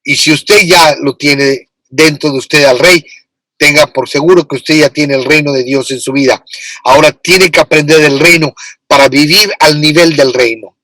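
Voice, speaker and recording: A man's voice: fairly high pitch, sharp tone, dry recording. A man from Mexico with a Mexican accent, preaching a sermon as pastor, with emphatic repetition. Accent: Mexican Spanish.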